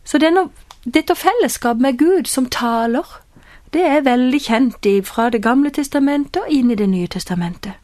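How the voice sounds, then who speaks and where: Calm woman teaching from the Bible. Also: sits high, dry recording, clean studio sound.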